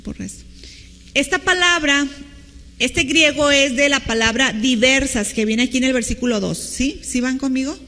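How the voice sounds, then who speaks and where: A woman's voice: high voice, moderate pace, bright, forceful tone, big-room sound. A woman pastor with a Mexican Spanish accent, preaching a teacherly sermon and asking the congregation questions. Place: church hall with long reverb.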